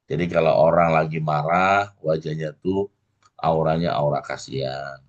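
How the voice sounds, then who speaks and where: A middle-aged man with a very low voice gives a motivational lecture, keeps turning to his listeners and acts out small examples as he goes. The recording is dull and lo-fi. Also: fairly even intonation, unhurried. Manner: addresses the audience warmly, full of "ya" tags and acted examples.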